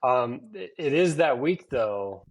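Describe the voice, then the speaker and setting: Male podcast co-host, mid-pitched, disbelieving, casual swearing, quick pushback. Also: expressive, muffled recording, over a noisy crowd. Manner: skeptical, exasperated, swears casually. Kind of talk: casual sports chat.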